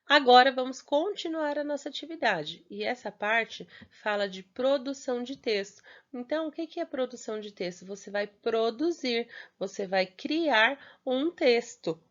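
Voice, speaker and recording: Slow, patient Brazilian woman teacher. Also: fairly high pitch, lively intonation, lo-fi sound. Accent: Brazilian Portuguese. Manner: slow, patient, stretches key words, many check-ins. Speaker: primary school teacher. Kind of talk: recorded remote class for young children.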